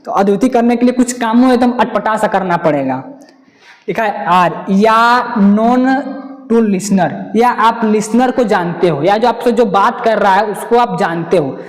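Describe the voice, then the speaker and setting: A man's voice: high voice, measured pace. A man teaching English grammar step by step, quizzing listeners with rhetorical questions. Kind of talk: classroom-style lesson explanation. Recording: echoey room with long reverb.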